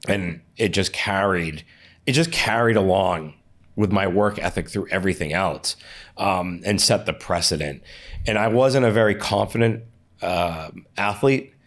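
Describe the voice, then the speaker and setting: A man's voice: deep voice, measured pace. A man in an interview, telling stories casually, often restarting and repeating words. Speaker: interview guest, athlete and coach.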